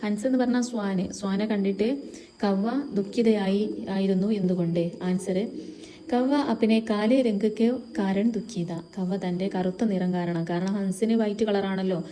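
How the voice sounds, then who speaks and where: A woman's voice: medium pitch, fairly even intonation, normal speed, dark tone. A woman with a Kerala accent, teaching a textbook lesson, reading out Hindi words and explaining each in Malayalam.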